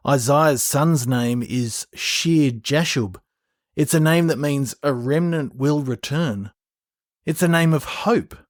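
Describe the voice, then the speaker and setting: A man at a middle pitch talks through a Bible passage in an earnest, explanatory way, like a prepared podcast teaching. His voice sounds close and dry, with no room around it. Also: no room sound. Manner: earnest, explanatory, reads scripture aloud. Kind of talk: scripted Bible teaching narration.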